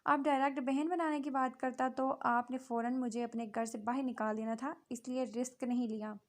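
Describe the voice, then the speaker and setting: A woman's voice: sits high, steady tone, moderate pace, close to an everyday voice. A woman voicing a playful young man who teases and jokes, in a storybook reading. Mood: teasing. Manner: jokey, teasing.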